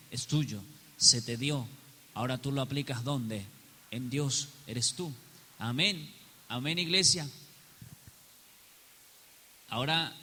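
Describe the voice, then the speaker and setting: A man's voice: mid-range voice, pushed and bright. A man, a pastor, preaching a sermon to his congregation and repeatedly asking them "yes or no?". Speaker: pastor and prophet. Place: church hall. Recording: reverberant hall with faint hiss.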